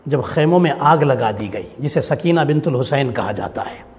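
A man's voice: medium pitch, animated. A man delivering an impassioned mourning sermon in a mosque hall, his voice swelling and falling with feeling. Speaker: majlis preacher. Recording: long hall reverb.

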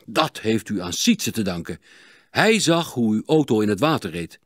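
A man reading an audiobook, voicing a calm, practical middle-aged village blacksmith. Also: fairly low pitch, moderate pace, no room sound. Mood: urging. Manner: calm, plain-spoken, urging. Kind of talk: audiobook character voice.

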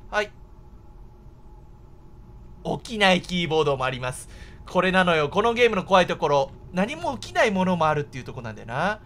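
A man giving excited horror game commentary, exclaiming in a startled way and often repeating his words. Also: sits high, fairly quick, pauses often, a little hiss or hum. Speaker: gameplay commentator.

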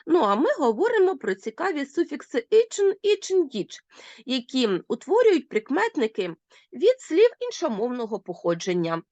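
A woman teacher giving a recorded grammar lesson to schoolchildren, spelling out example words slowly and clearly. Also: no echo, dull audio. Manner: slow, deliberate dictation of examples with lively pitch jumps.

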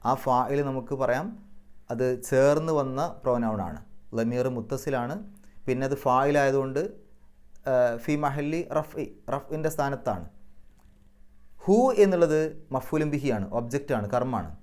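A man's voice: mid-range voice, a little mellow, smooth. A man with a Kerala Malayalam accent giving a patient, step-by-step Quran grammar and recitation lesson. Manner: patient, explains step by step, chants verses slowly. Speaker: Quran teacher.

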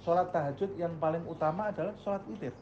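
A man's voice: on the high side, fast, lo-fi sound, background noise. A male Islamic teacher giving a religious study lecture, posing questions to the audience and answering them himself.

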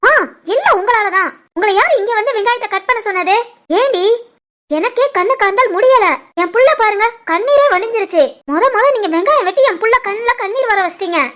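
A stubborn, teasing young wife in a cartoon family comedy, voiced by a woman, speaking with a Tirunelveli Tamil accent. Her voice sits extremely high, squeaky and cartoonish, playful and insistent. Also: animated, fairly quick, fairly bright tone. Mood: complaining. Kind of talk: animated family comedy voice acting.

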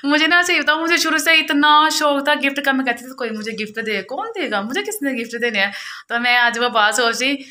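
A young woman, chatting casually and confidingly to camera at home, quick to laugh. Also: sits high, pushed and bright. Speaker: vlogger.

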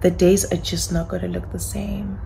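A young adult woman vlogging casually to camera in her apartment, talking softly and wearily, soothing herself. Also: on the low side, level tone, moderate pace, creaky, a little hiss or hum, rough recording. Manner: soft, tired, self-soothing. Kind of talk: casual vlog talk to camera. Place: small apartment indoors.

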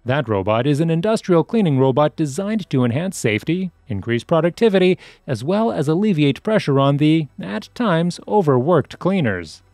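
A man reading a scripted news voice-over in a formal, even delivery. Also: fairly high pitch, moderate pace, hardly any pauses, dry recording, studio quality. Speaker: news narrator.

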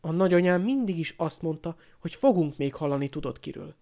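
A man's voice: on the high side, lively intonation, creaky, mellow. A man voicing an earnest teenage boy speaking plainly and a little self-importantly. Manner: earnest, matter-of-fact.

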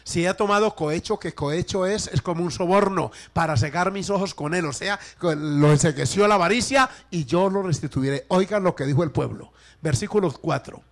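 Fervent preacher, loud then hushed. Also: male voice, high voice, fairly quick, few pauses. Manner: swings between loud exclamations and hushed asides; calls out to the congregation. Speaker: pastor. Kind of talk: sermon.

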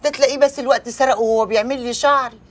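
A woman's voice: high-pitched, steady tone, very fast. An actress playing a middle-aged mother who soothes and coaxes her son, speaking with an Egyptian Arabic accent in a TV comedy series. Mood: coaxing. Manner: coaxing, affectionate. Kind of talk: TV comedy drama acting.

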